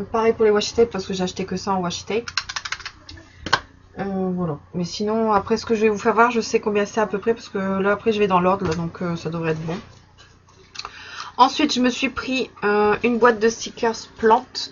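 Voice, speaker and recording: A young woman casually chatting in her vlog while showing stickers she bought, with many fillers and soft laughs. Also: mid-range voice, fairly even intonation, moderate pace. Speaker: vlogger. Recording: slightly dull recording with faint background noise.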